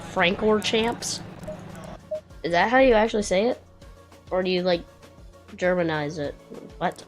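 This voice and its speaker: A woman streaming a racing game, chatting casually and muttering to herself as she drives and talks to chat. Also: mid-range voice. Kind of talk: casual livestream commentary while racing. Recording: loud background music over voice. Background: background music.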